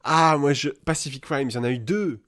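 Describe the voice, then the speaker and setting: A man from France hosting a casual live chat, lively and playful, laughing often. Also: mid-range voice, fairly quick. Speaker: host. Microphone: live video call.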